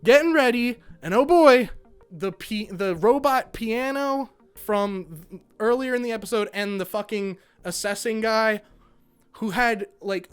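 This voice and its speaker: Give me a high, smooth-voiced man ranting. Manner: ranting, profane, exasperated. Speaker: animation reviewer. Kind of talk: casual spoken review.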